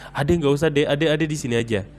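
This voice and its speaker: A man quoting a gentle, hurt young man. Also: a little high, quick pace, close to an everyday voice.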